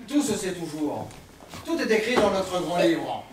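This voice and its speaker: Actor as a wry, needling police inspector. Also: male voice, high-pitched, big pitch swings, measured pace. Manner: needling, ironic questioning. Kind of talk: amateur stage comedy. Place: theatre stage. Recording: echoey hall from far, audience noise.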